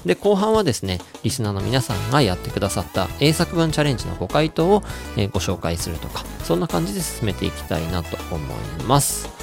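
A man hosting a radio-style English lesson, lively, demonstrating English sounds slowly and clearly. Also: medium pitch, music in the background. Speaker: English pronunciation teacher and show host.

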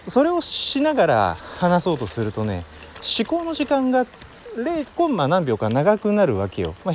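A man from Wakayama hosting his own talk show at his family home, explaining in an unhurried way as he thinks aloud. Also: fairly high pitch, a little mellow, slight background noise. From Wakayama, Japan. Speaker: podcast host. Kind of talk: casual solo talk.

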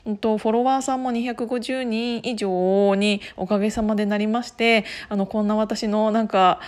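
A woman at an everyday middle pitch talking casually on her own podcast. She rambles in a chatty, unscripted way, full of fillers and quick little laughs. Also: darkish tone. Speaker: podcast host. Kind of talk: casual solo talk.

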